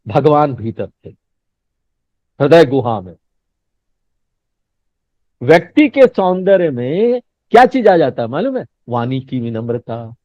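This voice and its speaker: A man's voice: a little high, dark tone, dry recording. A man who is a swami giving a Hindi spiritual discourse, chatty and laughing often, asking his listeners questions. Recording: dull lo-fi recording, dry.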